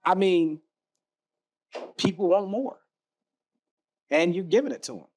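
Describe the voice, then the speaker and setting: Male podcast host, slightly high pitch, casual, encouraging, slang-heavy. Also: expressive, unhurried. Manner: encouraging, slangy, hypes up his guest.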